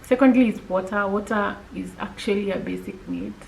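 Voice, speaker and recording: Woman with a Kenyan accent, chatty vlogger with a gravelly voice, mid-range pitch. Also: a little mellow, slight background noise, rough recording. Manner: chatty, with frequent filler pauses. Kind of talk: casual talk to camera.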